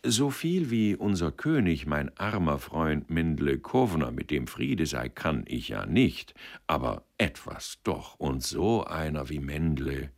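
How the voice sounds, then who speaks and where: A man's voice: very deep voice, unhurried, exaggerated voice. Man doing a proud old beggar storyteller. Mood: boastful. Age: older. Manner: boastful, lively.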